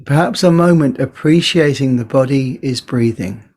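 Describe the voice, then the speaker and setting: Short, gentle phrases and unhurried pauses mark this man's delivery as he leads a guided body scan meditation as a teacher. His voice is mid-range.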